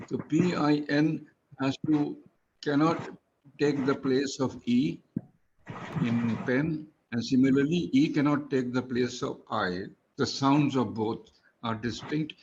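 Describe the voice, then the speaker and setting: A man's voice: mid-range voice, a little mellow, muffled recording, slight background noise. A man teaching English pronunciation one-on-one, patiently spelling words out letter by letter. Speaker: English tutor.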